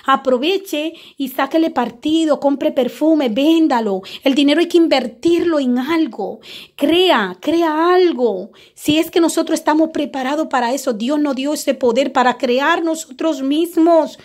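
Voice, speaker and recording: A woman's voice: high voice, moderate pace, hardly any pauses, darkish tone. A woman who works as a spiritual medium, giving spiritual and money advice straight to her viewers and often tagging her points with a questioning "eh?". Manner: preachy, addresses viewers directly with frequent "eh?"; acts out little dialogues in her talk.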